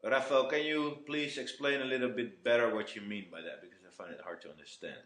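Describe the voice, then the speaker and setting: A man giving a live webinar talk, halting and restarting words often, with self-deprecating jokes. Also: mid-range voice, fairly bright tone, reverberant. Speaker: webinar speaker.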